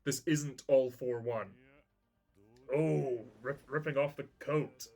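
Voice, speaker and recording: A man hosting a reaction video, chatting casually as he watches and thinking aloud, sometimes breaking into loud excited shouts. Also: medium pitch, slow pace. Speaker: reaction channel host.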